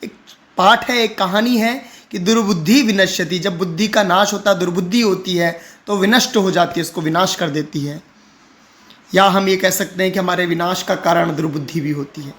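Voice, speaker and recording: A man's voice: high-pitched, a bit bright. A man teaching how to read and pronounce Sanskrit, explaining patiently and repeating words for the learner. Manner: slow, deliberate chanting of Sanskrit lines. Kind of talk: explaining reading and pronunciation.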